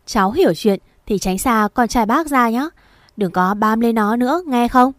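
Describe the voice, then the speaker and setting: Shrill nagging mom, read by a woman, harsh and loud, dry close sound. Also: moderate pace, no echo, natural voice. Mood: threatening. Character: shrill sharp-tongued middle-aged mother.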